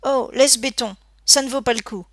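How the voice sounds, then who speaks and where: A woman's voice: high-pitched, steady tone, moderate pace, no echo, clean studio sound, voice pushed up, natural voice. A woman voicing a scornful, blustering teenage boy bully in an audiobook. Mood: méprisant. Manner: scornful, boastful.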